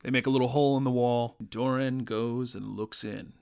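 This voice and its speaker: A man talks through a TV episode review in a loose, conversational way, with frequent restarts and fillers. His voice sits at a middle pitch and has a gravelly, fried edge. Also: steady tone, normal speed, a little mellow. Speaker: podcast host reviewing a TV episode. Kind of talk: casual spoken review.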